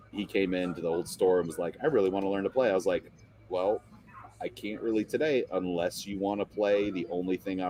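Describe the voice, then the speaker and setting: A man's voice: low voice, darkish tone. A man co-hosting a casual chat about tabletop wargaming, telling stories and joking around. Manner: joking, storytelling, playful. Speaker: co-host.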